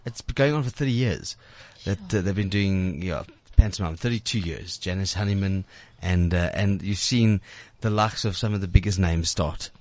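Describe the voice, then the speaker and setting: A radio show host runs a casual interview in a radio studio, teasing his guests in chatty banter and often repeating words or restarting sentences into the studio microphone. His voice is low-pitched and a little mellow, flowing at normal speed with few pauses.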